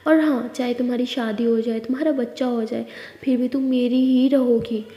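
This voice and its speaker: A possessive young woman in love talks insistently, demanding promises, in a high, mellow voice, as a woman storyteller puts her on. The room around her is echoey, with a long reverb tail. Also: fairly even intonation, moderate pace, muffled recording, close to an everyday voice. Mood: tender. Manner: insistent, tender.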